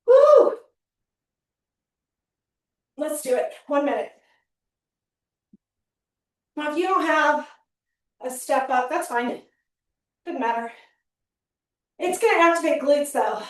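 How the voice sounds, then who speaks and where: A woman's voice: high voice, unhurried, pauses often. A woman fitness trainer leading a home workout class, counting reps and giving upbeat cues while she gets out of breath. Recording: very echoey room, mic at a distance.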